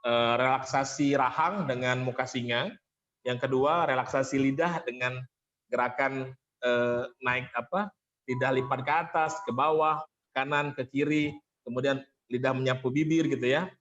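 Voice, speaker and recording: A man's voice: medium pitch, fairly even intonation, normal speed, fairly bright tone, highs cut off. A man running an online workshop as a vocal training coach, explaining patiently and thanking participants often.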